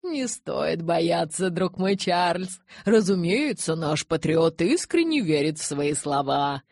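A woman reading the lines of a calm, courtly male vampire elder in an audiobook, speaking slowly and smoothly. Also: deep voice, no room sound, studio quality, heavily acted. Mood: measured. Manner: slow, smooth, measured speech.

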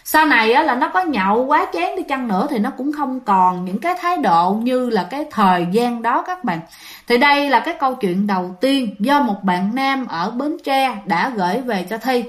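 A woman narrates ghost stories in a chatty, dramatic manner. Her voice sits high, and she keeps speaking straight to her listeners. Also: animated, moderate pace. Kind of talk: casual storytelling to listeners.

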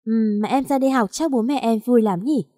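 A woman's voice: fairly high pitch, normal speed, mellow, dry recording, studio quality, lightly acted. A woman voicing a friendly young woman neighbor who calls out cheerfully.

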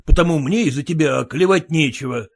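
A man's voice: on the high side, a little fast, gravelly. A man voicing a fussy, self-important merchant husband who lectures and grumbles. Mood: grumbling. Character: pompous fussy merchant husband, fearful of typhus.

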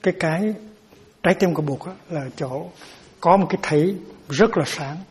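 A man's voice: on the high side, moderate pace, slightly rough. A man giving a Buddhist dharma talk as teacher, explaining terms patiently and often repeating words as he searches for them.

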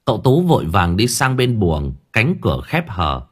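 A man narrating a serialized novel for an audiobook in an expressive storytelling manner. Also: on the low side, moderate pace, husky.

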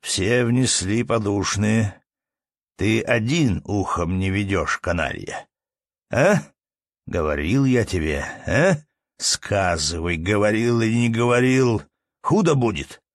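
A contemptuous, bullying estate steward from an audiobook tale scolds and threatens with open scorn. A man voices him as he reads. The voice sits low and the recording is dry and close. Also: slow, a bit bright, no echo, heavily acted. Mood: scolding. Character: arrogant bullying male estate steward, middle-aged. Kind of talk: audiobook character reading.

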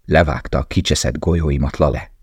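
A man voicing a frail, starved young male prisoner who speaks softly and subdued, in an audiobook. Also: extremely low pitch, steady tone, breathy edge, dry recording, studio quality.

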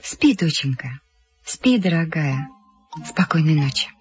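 A woman voicing a caring mother, speaking lower, soft and calm. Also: normal speed. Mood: tender. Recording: dull lo-fi with music behind.

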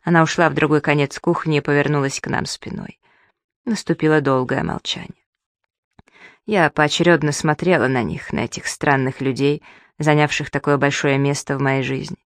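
A woman narrating an audiobook in the first person, reading in a soft, measured and emotional way. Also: deep voice, dry recording, studio quality.

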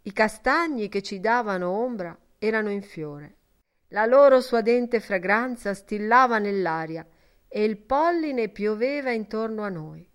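A woman's voice: mid-range voice, lively intonation, unhurried, natural voice. A woman reading an earnest young man in an audiobook, speaking fervently and in a confiding tone.

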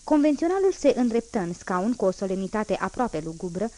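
A woman reads a classic novel aloud as an audiobook narrator. Her delivery is measured and even, with a middle-pitched voice. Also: rough recording. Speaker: audiobook reader.

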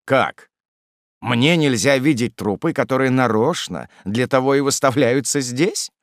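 A man's voice: medium pitch, lively intonation, measured pace, no echo, clean studio sound, voice pushed up, natural voice. A man voicing a stern, commanding young male officer in an audiobook, speaking with firm authority. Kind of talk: audiobook reading.

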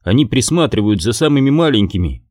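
A man's voice: medium pitch, very animated, a little fast, darkish tone, dry recording, clean studio sound. A man voicing a modest, earnest teenage apprentice in an audiobook. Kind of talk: audiobook character voice.

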